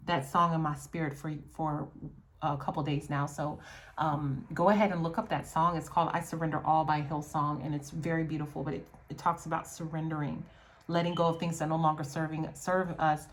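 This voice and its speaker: A woman giving an earnest, reflective tarot reading and often checking in with her viewers. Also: sits low. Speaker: tarot reader. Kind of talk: spiritual tarot reading monologue.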